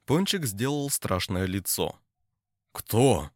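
A man narrating an audiobook with an expressive delivery. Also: on the low side, moderate pace, dry recording, studio quality. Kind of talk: scripted narration.

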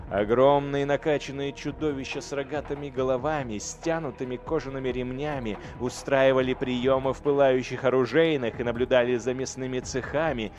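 A man reads a dark fantasy audiobook in a dramatic, measured style, pushing harder on the bloody action passages. His voice sits in a middle register, with faint music playing quietly behind him. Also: mid-range voice. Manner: dramatic, swelling on violent passages. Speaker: audiobook narrator.

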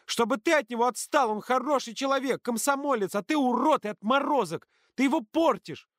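A man doing a shrill, jealous teenage girl. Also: fairly quick, fairly bright tone, dry recording, clean studio sound. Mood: furious. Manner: screaming, accusing. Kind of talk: audiobook character voice.

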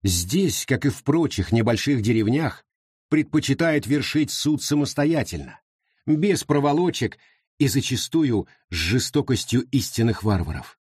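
A man narrating an audiobook with a dramatic, expressive reading. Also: mid-range voice, unhurried, breathy edge, no room sound, studio quality. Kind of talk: scripted narration.

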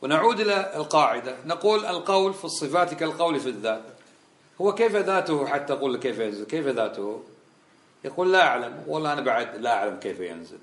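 A man's voice: mid-range voice, expressive, quick pace, reverberant. A man teaching a religious lesson, emphatic and full of rhetorical questions. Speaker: Islamic scholar teaching a lesson.

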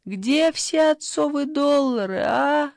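Narrator plays a screeching young mother, high, loud and sharp, dry close read. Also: expressive, slow pace, gravelly, no room sound, full character voice. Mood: yelling. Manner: shrill, screaming. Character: furious shrieking young mother, Tatyana. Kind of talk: audiobook character voice.

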